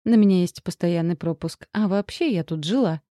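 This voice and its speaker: A woman voicing a brisk, blunt adult sister in an audiobook. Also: fairly low pitch, mellow, dry recording, studio quality, natural voice.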